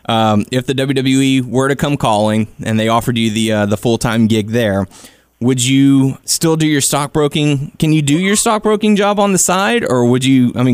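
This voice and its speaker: Smooth-voiced man hosting, dry close sound. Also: medium pitch, no room sound. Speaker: podcast host. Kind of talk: casual sports talk and interviewing.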